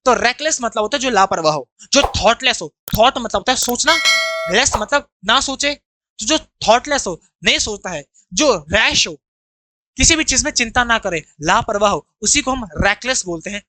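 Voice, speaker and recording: A man's voice: very high-pitched, lively intonation, normal speed, sharp tone. A man from India teaching English vocabulary in an online lesson, explaining each word and asking students to repeat after him, with an Indian accent.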